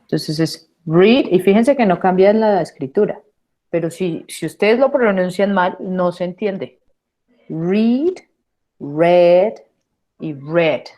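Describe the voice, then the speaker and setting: Woman teaching English, slow and deliberate. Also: mid-range voice, dark tone. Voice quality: repeats words slowly to model pronunciation. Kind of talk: online English lesson.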